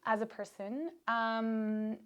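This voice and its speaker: A young Canadian woman, a PhD student, chats loosely in a casual conversational interview, rambling, laughing often and restarting sentences. Her voice is fairly high, level and clean, and she speaks slowly.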